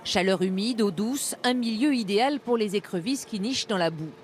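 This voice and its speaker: A woman's voice: medium pitch, moderate pace, slight background noise. A woman reporter reading scripted narration for a television news report.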